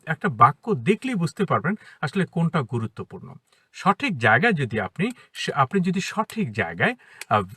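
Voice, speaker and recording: A man with a Bengali accent giving a casual spoken English lesson from inside a parked car, explaining patiently and slowing down to model English sentences. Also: medium pitch, bright, forceful tone, husky, dry recording, studio quality, recorded from a distance. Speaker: English teacher, academy founder.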